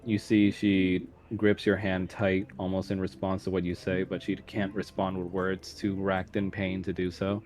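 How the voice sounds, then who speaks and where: A man narrating a tabletop role-playing game as game master, describing scenes at an unhurried pace with some fillers. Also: low voice, completely flat delivery, darkish tone, faint music behind.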